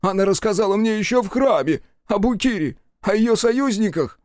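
A panicked servant on his knees in a fantasy audiobook, voice jumping up high and blurting out broken pleas, as a male narrator plays him. the recording is dry and close. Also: slow, darkish tone, dry recording. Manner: panicked, incoherent pleading. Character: terrified male servant begging for mercy.

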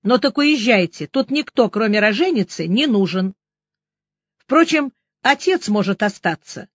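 A woman's voice: on the high side, expressive, unhurried, no echo, highs cut off. A woman voicing a blunt, bossy woman doctor who snaps out orders. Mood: curt. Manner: curt, scolding, snaps out orders.

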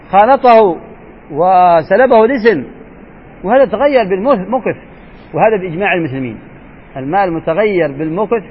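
A man sheikh teaching a jurisprudence lesson, asking his students questions and repeating key points. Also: sits high. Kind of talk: classroom lesson explaining a text. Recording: dull lo-fi recording with faint hiss.

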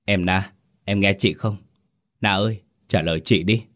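A man's voice: fairly low pitch, steady tone, normal speed, fairly bright tone, natural voice. A man doing a panicked young older sister. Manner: flustered, choked.

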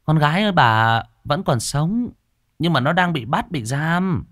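A fierce, loud-mouthed village fortune-teller woman, as a male narrator puts her on, with a high, shrill voice that jumps up and down as she barks orders. The recording is dry and close, with no room sound. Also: expressive, unhurried, dry recording. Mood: bossy. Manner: shrill scolding, bossy and blunt. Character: fierce middle-aged female village spirit medium.

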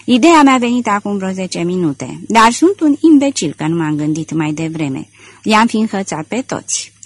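A woman voicing a gruff, hot-headed male police sergeant who shouts orders and fumes in exasperation, in an audiobook. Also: mid-range voice, big pitch swings. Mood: exasperated.

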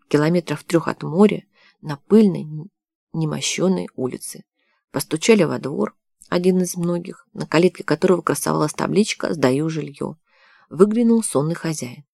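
Low, gravelly woman narrating a novel. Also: darkish tone, no room sound, clean studio sound. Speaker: audiobook narrator. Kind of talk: scripted narration.

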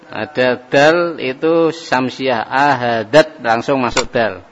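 Slow-drilling male Arabic teacher in a hall. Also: mid-range voice. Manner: slow, drawn-out drilling of phrases. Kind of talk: classroom grammar lesson. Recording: dull lo-fi recording with long reverb.

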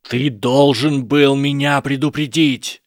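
A man voicing a proud boy wizard who is furious and shaken, shouting with his voice breaking from rage. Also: fairly low pitch, moderate pace, gravelly, dry recording, studio quality. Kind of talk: audiobook character voice.

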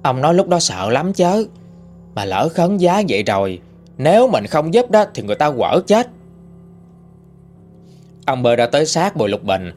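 Male storyteller, Southern Vietnamese accent, folksy and chatty, slightly high voice. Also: big pitch swings, moderate pace, pauses often, a little mellow. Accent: Southern Vietnamese (Mekong Delta). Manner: chatty, conversational. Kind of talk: folksy ghost story narration. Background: faint background music.

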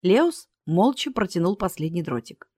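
A woman's voice: on the low side, very animated, normal speed, darkish tone, dry recording, clean studio sound. A woman narrating a fantasy story as an audiobook reader.

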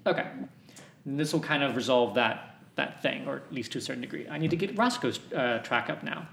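A man's voice: medium pitch, fairly quick, creaky, a bit bright, slight background noise. A man acting as game master for a tabletop role-playing game, talking with many fillers and restarts. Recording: echoey room.

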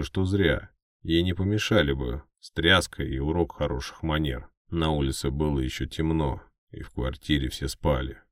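Male audiobook narrator, first-person fiction, very deep register, dry studio-like sound. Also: no echo.

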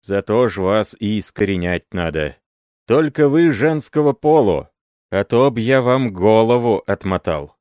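A man's voice: fairly low pitch, lively intonation, unhurried, darkish tone, no echo, studio quality, voice pushed up. A man voicing an old working man, swearing wailing oaths of innocence in an audiobook reading. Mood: gruff. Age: older. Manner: wailing oaths, then gruff threats.

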